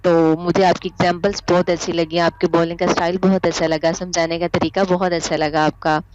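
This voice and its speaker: A trainee teacher, a woman, gives polite feedback and addresses her instructor with respect. Her voice is low and even. The line sounds muffled, with steady noise behind it. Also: fairly quick. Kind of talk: giving feedback on a lesson.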